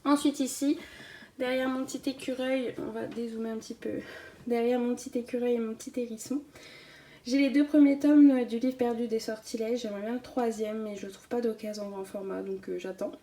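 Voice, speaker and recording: A woman's voice: a little high, steady tone, brisk, mellow, roomy sound. A young woman giving a casual, chatty tour of her bookshelf, with many fillers. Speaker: book vlogger.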